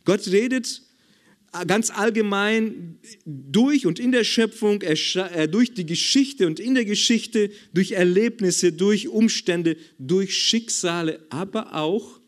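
A man preaching a sermon in a church service, emphatic and repetitive, calling for amens. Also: high voice.

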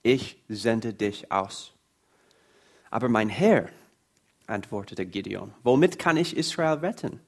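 A man's voice: on the low side, animated, slow pace, creaky, long pauses. A man preaching a sermon, reading Bible passages aloud in an earnest way.

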